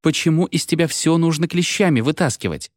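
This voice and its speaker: A man's voice: on the high side, expressive, fairly quick, no echo, clean studio sound, voice pushed up, natural voice. A man reading a story aloud, voicing a tired mother who scolds and fusses. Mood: coaxing. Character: tired mother, fussing and sharp.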